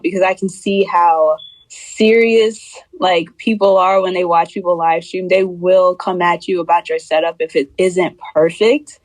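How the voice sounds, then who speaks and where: A woman's voice: fairly low pitch, no echo, low-quality recording. A woman in her twenties from the United States, chatting casually as a podcast guest with lots of fillers. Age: 20s. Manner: relaxed, chatty, many fillers. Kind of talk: casual chat.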